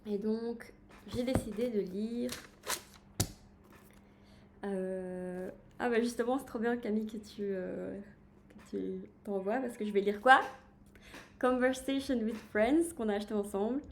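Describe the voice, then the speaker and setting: A woman's voice: mid-range voice, fairly even intonation, measured pace, pauses often, background noise. A woman chatting in a casual book-review livestream, enthusiastic and full of hesitations as she recommends books. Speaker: book streamer.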